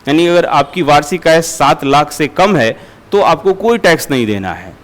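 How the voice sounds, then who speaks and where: A man's voice: a little high, lively intonation, moderate pace. A man teaching a lecture class, asking students questions and explaining with everyday examples. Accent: Hindi. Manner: asks students questions and answers them; uses homely everyday examples.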